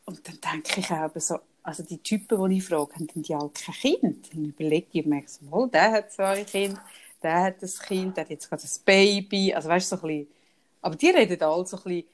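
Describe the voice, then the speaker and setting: A woman's voice: fairly low pitch, brisk, slight background noise. A woman in her thirties with a Swiss German accent, co-hosting a podcast in casual chat, teasing and laughing often. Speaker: podcast co-host.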